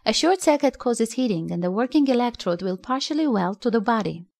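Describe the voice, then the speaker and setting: A woman reading a scripted voice-over that explains an electronics build, in a steady explanatory way with slightly non-native phrasing. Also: on the high side, brisk, vocal fry. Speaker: electronics channel narrator.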